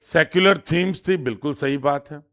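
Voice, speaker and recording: A man teaching an exam-prep lesson, reading each question out slowly and then explaining it step by step with frequent repetition. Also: a little high, a bit bright. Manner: reads English questions slowly, then translates. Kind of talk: exam lesson in Hindi with English terms.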